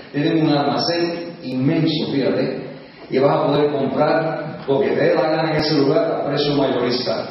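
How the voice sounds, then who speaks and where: A man's voice: on the high side, a little hiss or hum. Emphatic older man in an echoey hall. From United States. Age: 60s. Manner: emphatic, coaxing, keeps saying "look". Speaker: business opportunity speaker. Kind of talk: sales seminar talk. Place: large hall. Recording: echoey hall, dull sound, from far off.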